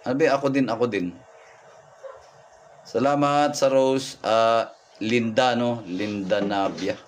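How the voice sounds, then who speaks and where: A man with a mid-range voice and steady tone speaks slowly on a livestream, reading signs. He's a folk healer doing readings, repeating himself, pointing things out, and thanking viewers by name in shout-outs.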